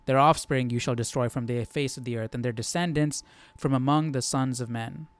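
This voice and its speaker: A man hosts a casual live Bible study, commenting on scripture while thinking aloud informally and frequently checking in with the listener. His mid-range voice is fairly quick with fairly even intonation, and the sound has no echo.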